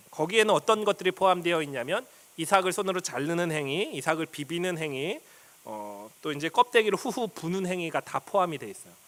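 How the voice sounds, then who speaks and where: Lively, animated male preacher. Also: fairly high pitch. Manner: explanatory, teacherly, with frequent hesitation fillers; reads scripture aloud and acts out quoted speech. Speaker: pastor. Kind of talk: sermon.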